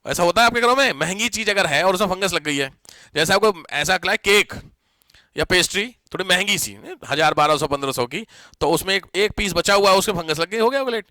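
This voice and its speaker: A man's voice: sits high, expressive, brisk, sharp tone, no room sound. A man teaching an online class, chatty and teasing, mixing English terms into his explanations.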